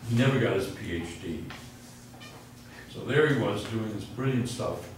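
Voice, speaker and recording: Heard from far off on a room mic, this older man's voice is on the low side, with lively intonation and a moderate pace, echoing through a big lecture hall full of chalkboards amid background noise. A physics professor at a university, he tells meandering stories and cuts himself off mid-thought.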